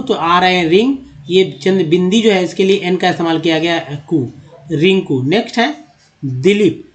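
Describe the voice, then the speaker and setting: High-voiced man spelling words aloud. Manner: spells names letter by letter, repeats words often; addresses viewers as friends. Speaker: teacher. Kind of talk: explaining Hindi-to-English spelling on a board.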